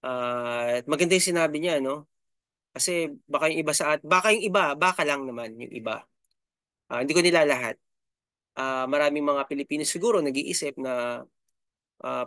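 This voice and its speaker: This YouTube host, a middle-aged man from the Philippines, talks through casual commentary with a mid-range voice that's a bit bright. His delivery is chatty and packed with fillers and tag questions like "no?" and "di ba?". It's studio-quality audio without any room sound.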